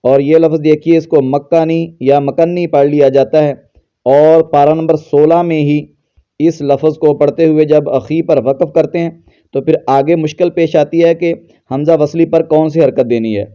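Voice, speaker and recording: A man teaching Quran pronunciation, explaining patiently and slowly chanting verses as examples. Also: fairly high pitch, steady tone, warm tone, smooth, highs cut off. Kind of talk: tajweed lesson with recitation.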